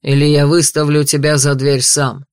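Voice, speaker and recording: A man's voice: on the high side, level tone, normal speed, clear, resonant tone, no echo, clean studio sound, close to an everyday voice. A man voicing a young betrothed nobleman who speaks with restrained, bitter anger in an audiobook. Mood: angry. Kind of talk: audiobook dialogue reading.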